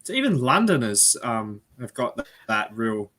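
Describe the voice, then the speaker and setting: An Australian man hosts a relaxed live stream, talking in a bright, lively voice. He rambles freely and breaks into quick bursts of speech. His pitch sits in an ordinary middle range. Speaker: host. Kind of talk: casual live-stream chat.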